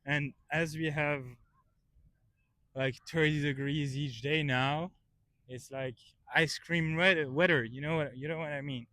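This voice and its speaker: A man's voice: fairly high pitch, steady tone, takes it slowly, bright, forceful tone, dry recording. A man chatting casually as a vlogger, informal and mock-earnest as he gives his opinions. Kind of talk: casual vlog chat. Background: faint guitar music.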